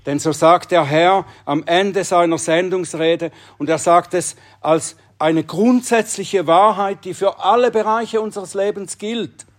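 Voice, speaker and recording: A man preaching a sermon in an earnest, emphatic way, often dropping to a hushed tone to stress a point. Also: high voice, a little slow, few pauses. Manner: earnest, emphatic delivery with dramatic drops to a hush.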